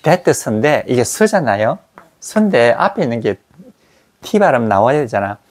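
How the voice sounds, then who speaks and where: Male English teacher, husky and gravelly, lively pitch, drills pronunciation with slow repetition. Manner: repeats English words slowly to model pronunciation. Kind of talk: classroom grammar lecture.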